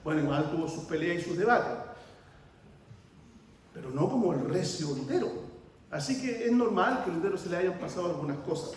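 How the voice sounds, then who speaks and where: Emphatic preacher in an echoing church. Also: male voice, sits high, animated, brisk, long pauses, a little hiss or hum. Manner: emphatic, repeats key words, asks the congregation rhetorical questions. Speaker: guest pastor. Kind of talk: sermon. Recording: roomy church hall, distant mic.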